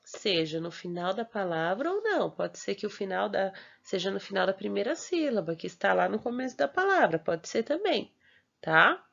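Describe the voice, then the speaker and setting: A woman teacher with a Brazilian Portuguese accent, patiently walking through a homework worksheet. She draws out syllables slowly and keeps checking in with short tags. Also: mid-range voice, creaky. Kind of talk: recorded homework explanation. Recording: dull lo-fi recording.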